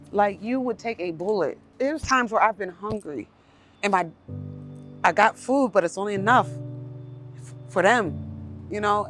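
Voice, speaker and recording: A middle-aged woman speaks with raw feeling as a guest in an outdoor interview, talkative and quick to laugh. Her voice sits at an ordinary pitch for a woman. Soft music plays faintly under the talk. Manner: emotional, talkative, laughs often. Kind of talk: casual outdoor conversation. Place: outdoors on a porch.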